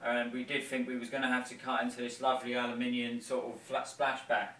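A man's voice: mid-range voice, level tone, quick pace, fairly bright tone, slight background noise. A man in his thirties, a heating engineer, explaining an installation in a home kitchen and hallway in a chatty, informal way with many fillers. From England. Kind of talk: casual walkthrough explaining an installation. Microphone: camera-mounted mic, filmed by someone else. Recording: roomy, distant camera sound.

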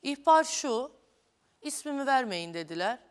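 A woman's voice: sits high, big pitch swings, a little slow, smooth. A woman hosting a daytime talk show, questioning guests and walking them through events step by step in a television studio. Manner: probing, reasoning step by step.

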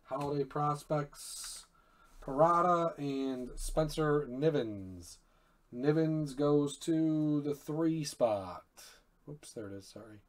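A man hosting a live card break, calling out each card in a low-key way and bursting into loud shouts on big pulls. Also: slow.

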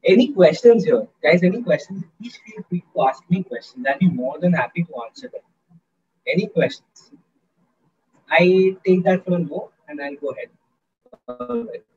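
Brief: high-pitched man leading a student workshop, upbeat and coaxing, muffled lo-fi call audio. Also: expressive, moderate pace, a little mellow, a little hiss or hum. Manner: upbeat, coaxing, keeps asking the audience. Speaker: guest speaker in a student workshop. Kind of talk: interactive online lecture.

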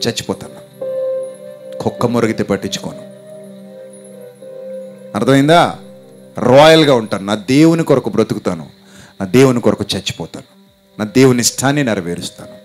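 A man's voice: lowish voice, a little mellow. A man preaching a sermon as pastor, emphatic and repetitive, urging listeners to repeat phrases aloud.

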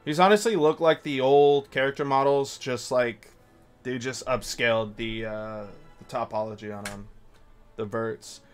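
A man's voice: medium pitch, measured pace, smooth. A man streams a video game with casual, slangy commentary. He mutters his reactions as he plays. Faint game music sits behind his voice, along with keyboard clicks. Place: small indoor room at a desk. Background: game music, keyboard clicks and typing.

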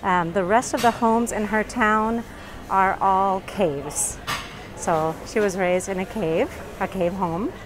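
A woman's voice: mid-range voice, slow pace. Woman muffled by a face mask, noisy market. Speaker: local tour guide vlogger. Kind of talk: casual walking tour narration. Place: covered market and its entrance. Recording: noisy handheld recording with market ambience.

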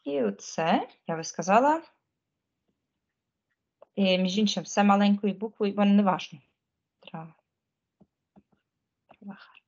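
A woman's voice: mid-range voice, normal speed, long pauses, darkish tone. Woman teaching spanish online, chatty, keeps asking "right?", kinda dull lo-fi audio. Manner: chatty, checks in with "так?" often; frets about pressing buttons. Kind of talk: online language lesson.

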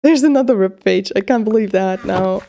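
A woman commentating her own gameplay, excitable, gasping and pleading with the game as she plays. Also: mid-range voice, normal speed, vocal fry, slight background noise. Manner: excitable, gasps and squeals with delight. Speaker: gaming video creator.

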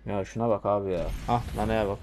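A young man playing a mobile game and commenting casually, swearing and getting loudly frustrated. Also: lowish voice, steady tone, fast, a little hiss or hum. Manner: frustrated, swearing, loud bursts of anger. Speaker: gamer streamer.

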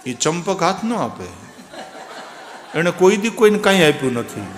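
A man's voice: high-pitched, sing-song, moderate pace, background noise, voice pushed up. Wry old villager, knowing and mocking as a man puts him on, heard in an echoey hall.

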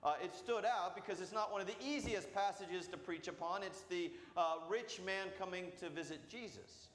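A man, a priest, preaching a storytelling sermon in a booming voice. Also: normal speed, fairly bright tone, slight background noise. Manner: acts out voices in quoted dialogue. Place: church sanctuary. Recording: roomy church reverb.

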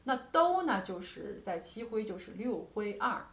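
A woman's voice: mid-range voice, sing-song, a little slow. Patient woman guqin teacher, echoey room. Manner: patient explaining with frequent soft particles. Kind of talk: music lesson with demonstrations. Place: music studio.

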